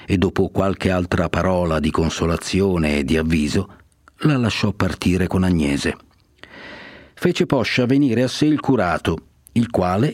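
A man reads a classic novel aloud in a low voice, steady and literary. The recording is close and dry, with nothing behind him. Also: no echo. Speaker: narrator.

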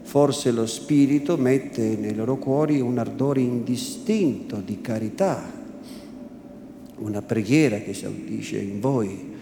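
Attore nei panni di un vescovo anziano e solenne, parlata lenta, sala con eco. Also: male voice, mid-range voice, pitched below the performer's own voice. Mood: gentle. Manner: solemn, calm, slow and deliberate. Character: solemn elderly male bishop, gentle and humble. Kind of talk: theatrical literary reading. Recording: echoey room with background noise.

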